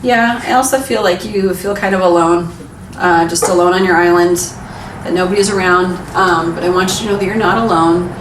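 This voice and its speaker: This tarot reader, a young adult woman, chats through a relaxed pick-a-card reading with candid encouragement, talking a little fast in a lowish voice. Her mic is set some way off in an echoey room, and noise sits in the background.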